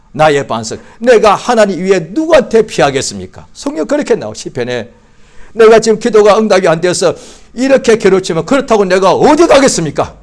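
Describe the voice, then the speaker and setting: A male pastor preaches in church, his voice sitting a little high and swinging widely in pitch. He acts out psalm prayers with growing fervor and now and then shouts. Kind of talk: sermon.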